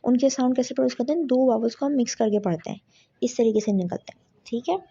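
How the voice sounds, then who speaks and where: Husky woman tutoring for exams. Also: fairly high pitch, fast talker, dark tone. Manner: explains step by step, mixing in English terms. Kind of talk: exam revision lecture. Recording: dull lo-fi audio.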